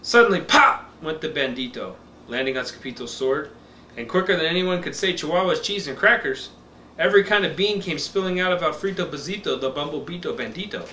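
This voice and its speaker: A man reading picture books aloud to a toddler as a father, in an expressive, simple storybook delivery. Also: a little high, a little fast. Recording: echoey room with faint background noise.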